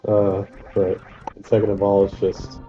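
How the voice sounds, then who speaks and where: Over a voice call, this player guest on a race stream sits well away from his microphone, so his low voice comes across distant, echoey, and wall-muffled. He speaks unhurriedly in a completely flat way, rambling casually with plenty of fillers, and there's faint music in the background.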